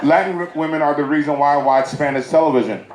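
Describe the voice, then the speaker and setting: A fast-talking man from Southern California, his voice high-ish and steady, does a stand-up set at a private party, spinning loose stories and tossing playful asides to the crowd. It's an echoey bootleg recording full of loud audience and noise.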